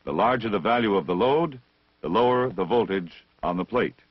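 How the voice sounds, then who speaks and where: A man narrates a vintage instructional film, his voice slightly low, animated and a little husky, his phrasing deliberate and didactic with measured, careful enunciation. The old soundtrack is dry and band-limited with no room sound, which dulls the audio.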